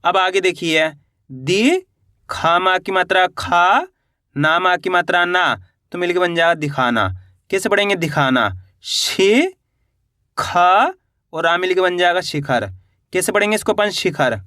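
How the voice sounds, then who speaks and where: A man teaching beginners to read and spell, sounding words out slowly syllable by syllable and quizzing his viewers with encouragement. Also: high voice, pushed and bright, no echo, clean studio sound. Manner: encouraging, addresses viewers as friends. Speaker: Hindi teacher.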